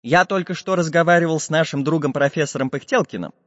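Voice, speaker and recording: A man's voice: on the high side, fast, no room sound, long reverb tail, muffled recording, pitched above the performer's own voice, natural voice. A man voicing a small iron handyman who speaks plainly and matter-of-factly. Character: handy iron little man, calm tinkerer.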